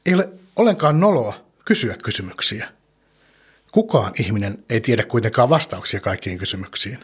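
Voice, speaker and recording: Gentle husky-voiced man telling children's stories. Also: fairly low pitch, animated. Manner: gentle, asks the listener questions. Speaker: children's podcast host.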